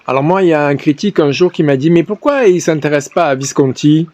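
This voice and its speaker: A man's voice: fairly high pitch, animated, fast talker, darkish tone, dry recording. A man acting as interviewer and guide, asking questions and commenting on location outdoors. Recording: faint background noise on location.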